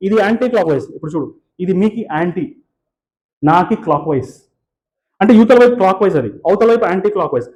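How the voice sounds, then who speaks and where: A man with a fairly high voice lectures a physics class in Telugu-accented English. He slips into Telugu often and fills pauses with "uh" as he talks through each step. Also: animated, darkish tone, low-quality recording. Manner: switches between English and Telugu, many fillers and restarts. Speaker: physics teacher. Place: classroom with students present.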